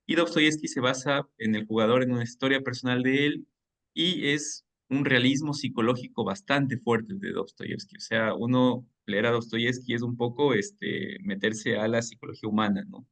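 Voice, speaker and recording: A man leads a book club over a video call, speaking at an ordinary middle pitch. He is friendly and chatty, laughs lightly now and then, and explains things at length. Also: moderate pace, creaky, fairly bright tone. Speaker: reading club moderator. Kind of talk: casual online meeting.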